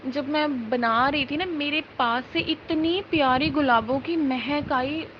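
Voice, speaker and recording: High-voiced woman giving devotional testimony. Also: highs cut off, a little hiss or hum. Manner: earnest, emotional storytelling with Hindi-English mixing.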